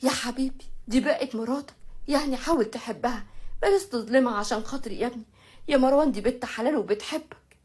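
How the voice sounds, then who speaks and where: A woman voicing a kind middle-aged mother-in-law with an Egyptian accent, gentle and soothing. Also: on the high side, quick pace, husky.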